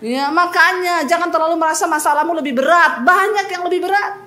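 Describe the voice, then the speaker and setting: A woman's voice: very high-pitched, fairly quick, slight background noise. A woman pastor preaching a sermon to a congregation, telling personal stories with humor and speaking straight to her listeners. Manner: lively personal storytelling with humor, addressing the congregation directly. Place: church service before a congregation.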